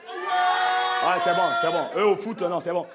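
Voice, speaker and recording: High-voiced man doing live stand-up. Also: measured pace. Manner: animated, playful, crowd work with mock accents. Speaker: stand-up comedian. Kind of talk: stand-up comedy routine. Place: large theater stage before a live audience. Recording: live concert recording with crowd noise. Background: audience laughter and noise.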